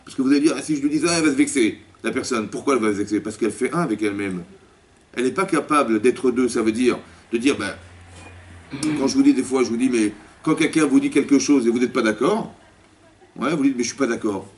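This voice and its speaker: A male rabbi giving a spoken religious lesson to a women's class, lively, often asking the listeners questions and acting out dialogue. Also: medium pitch, fast talker. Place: community hall classroom. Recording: distant mic with faint background noise.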